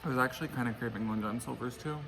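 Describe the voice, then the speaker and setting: A man's voice: medium pitch, racing. A man rambling casually to his viewers as he eats fried chicken in a mukbang, recorded outdoors. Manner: eating fried chicken while talking. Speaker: vlogger hosting an eating show. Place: outdoors by a pool. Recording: clearly noisy outdoor ambience.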